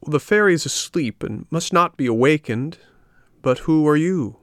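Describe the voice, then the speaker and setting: A man reading a storybook aloud and voicing a calm, unhurried female snail who drags out her words in a slow, placid way. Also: fairly high pitch, dry recording, studio quality, pitched above the performer's own voice, natural voice.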